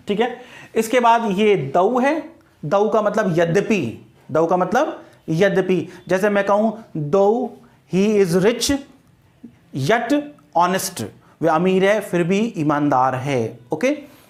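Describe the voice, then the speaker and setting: Man teaching grammar. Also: high-pitched. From India. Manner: spells words letter by letter and repeats answers. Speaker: English teacher. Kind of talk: exam-prep grammar lesson.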